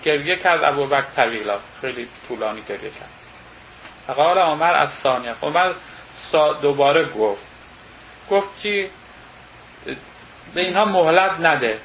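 A male lecturer reads a religious text slowly, then paraphrases each passage casually, thinking aloud with pauses and self-corrections. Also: a little high, a bit bright, slight background noise, low-quality recording. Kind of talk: reading and explaining a religious text.

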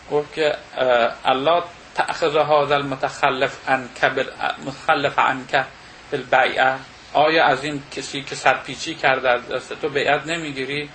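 Male lecturer with a fairly high voice who reads a religious passage slowly, then explains it in relaxed everyday talk. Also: slight background noise, poor audio. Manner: thinking aloud with pauses and self-corrections. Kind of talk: reading and explaining a religious text.

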